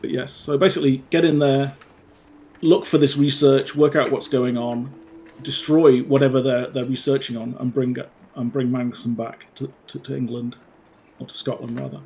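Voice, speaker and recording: A man's voice: mid-range voice, little pitch movement, moderate pace, darkish tone. A man narrating a tabletop horror game as game master, reading out a briefing and then explaining loosely with many fillers.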